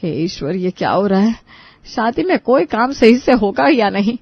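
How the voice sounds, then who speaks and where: A woman's voice: mid-range voice, big pitch swings, moderate pace, breathy edge, dry recording, lo-fi sound. A woman voicing a fussy, dramatic middle-aged mother of the groom in a cartoon story. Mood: fretful. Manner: dramatic, complaining.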